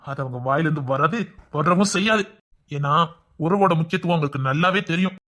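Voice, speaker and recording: A man's voice: a little high, a little fast, fairly bright tone. A man with a Tirunelveli Tamil accent acting in a family drama skit, talking in an earnest, reassuring, lecturing way. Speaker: lead actor in comedy skits.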